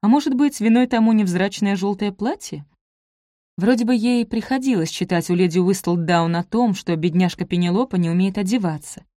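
A woman narrating a novel in an even, measured reading. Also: on the low side, no echo, clean studio sound. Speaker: audiobook narrator. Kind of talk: scripted narration.

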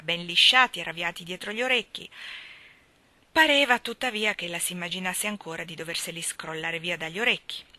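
A woman reading a classic novel aloud in a measured, expressive storytelling manner. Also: lowish voice, no echo. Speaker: reader.

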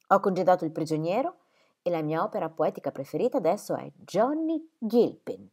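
A woman's voice: lowish voice, sing-song, darkish tone, husky, heavily acted. A woman reading as a teasing young woman. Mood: lively. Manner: playful, quick-witted. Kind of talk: audiobook character reading.

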